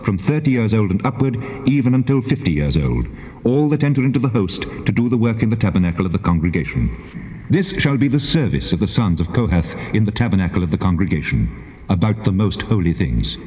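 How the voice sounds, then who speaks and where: In a dramatized reading of the King James Bible, a male voice plays a solemn, commanding deity, declaiming scripture in measured phrases. The low, mellow voice rises and falls in a sing-song, expressive way, ringing with long, echoing reverb on a dull tape.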